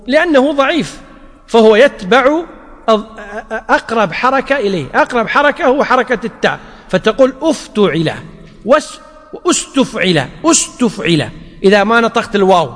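A man gives a grammar lesson in a high, light voice. He repeats key points and often checks that his class is following. His voice rings with the long reverb of a large hall. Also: fairly bright tone. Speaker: teacher of Arabic grammar. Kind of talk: classroom lecture.

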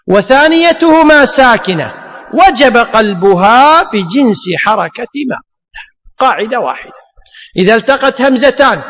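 With a very high, somewhat bright voice, a man teaches a grammar lesson, posing rhetorical questions and answering them himself. He is emphatic and drills the rules by repetition, and the recording carries a long hall reverb.

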